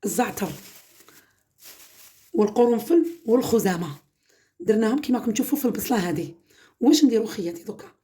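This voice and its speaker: Fast-talking Algerian woman with a mellow voice. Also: medium pitch. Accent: Algerian Arabic. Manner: chatty, repeatedly calls viewers "my sisters". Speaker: home cooking channel host. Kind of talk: casual home-remedy demonstration.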